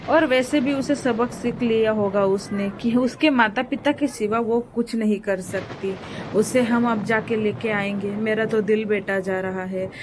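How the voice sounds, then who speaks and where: A woman's voice: a little high, noisy background, natural voice. Woman doing a patient father sparrow.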